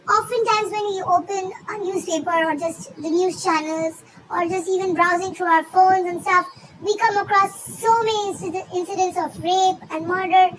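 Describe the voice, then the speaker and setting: With her voice filtered up into a cartoonish chipmunk squeak, a female host casually reads out online posts and chats about them in a wandering manner. The tone is fairly bright, and the low-quality recording has a bit of hiss or hum.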